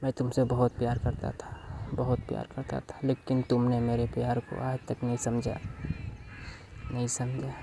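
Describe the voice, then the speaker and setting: A man's voice: mid-range voice, monotone, moderate pace, vocal fry, lightly acted. A man voicing a devoted young man who pleads emotionally, over a noisy background. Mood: pleading.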